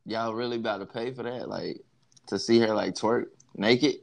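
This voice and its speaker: A man's voice: lowish voice, fairly even intonation, normal speed, vocal fry. A young man chatting casually as a co-host, slangy and joking, in the easy manner of a guy talking with his bros. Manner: laid-back bro talk, slangy, joking.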